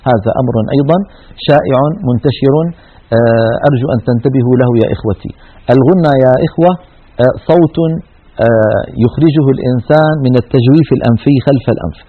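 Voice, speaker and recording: A man teaching Quran recitation in an earnest tajweed lesson, demonstrating each sound. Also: mid-range voice. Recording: tinny narrow-band radio sound.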